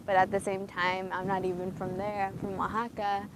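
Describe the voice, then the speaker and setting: A young woman from Oxnard, California speaking reflectively and evenly in a documentary interview. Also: medium pitch. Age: young adult. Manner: reflective, even and measured. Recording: noisy documentary audio.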